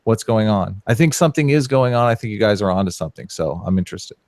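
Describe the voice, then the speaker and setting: A man in his forties talks as an easygoing guest, joking lightly and answering freely. His voice is fairly low. The recording is dry, with little room sound. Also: expressive, quick pace, darkish tone, no echo. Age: 40s. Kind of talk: casual interview chat.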